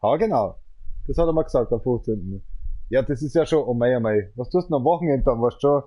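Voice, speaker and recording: A man, a gaming livestreamer chatting loudly and teasingly on a phone call over his stream. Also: mid-range voice, lively intonation, fast talker, breathy edge. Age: 30s. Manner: loud, joking and teasing. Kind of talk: casual phone chat during a livestream. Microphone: earbuds in, calling over the stream mic.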